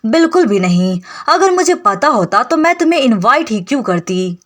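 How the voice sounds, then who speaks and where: An exasperated young noblewoman talks in a recap of a comic story, voiced by a woman. Her lines are sharp and irritated. The voice is fairly high with lively pitch. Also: normal speed.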